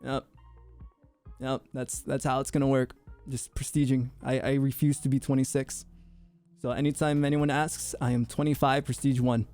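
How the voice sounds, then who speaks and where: Faint music plays behind a young man's mid-range, level, darkish voice. He's on his VTuber debut stream, chatting casually, goofy and joking, laughing quickly and often stumbling into stammered restarts.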